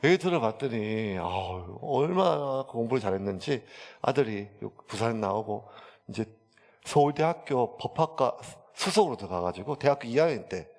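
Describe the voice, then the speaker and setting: Male pastor, mid-pitched, folksy sermon storytelling, long church reverb. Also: animated, normal speed. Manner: chatty storytelling with many fillers. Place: church sanctuary.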